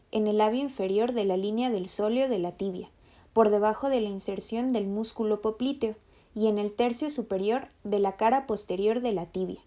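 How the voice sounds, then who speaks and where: A woman giving a scripted, methodical narration for a rehabilitation lesson, reading anatomy terms in an even voice-over. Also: medium pitch. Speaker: rehabilitation instructor.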